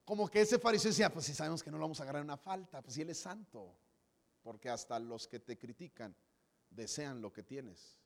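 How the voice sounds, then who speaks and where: A man's voice: fairly high pitch, animated, a little fast, vocal fry. A man with a Mexican Spanish accent preaching a comedic sermon, animatedly acting out the story. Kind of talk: comedic sermon with acted scenes. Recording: long hall reverb.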